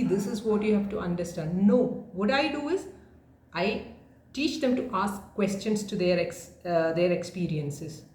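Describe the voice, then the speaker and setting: Woman coach, earnest motivational talker, mid-pitched voice, roomy echo. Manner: earnest, repeats rhetorical questions. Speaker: life coach. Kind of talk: motivational talk.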